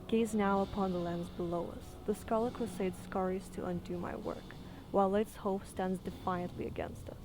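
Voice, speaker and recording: A woman's voice: mid-range voice, steady tone, normal speed, lightly acted. Woman reading as a solemn commanding undead king. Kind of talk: reading game quest dialogue aloud. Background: game music.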